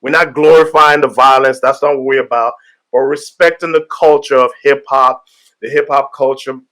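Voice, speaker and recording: A man's voice: mid-range voice, steady tone, normal speed, a bit bright. A man and pastor hosting a casual podcast, greeting listeners with hype and rambling through his points. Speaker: host and pastor.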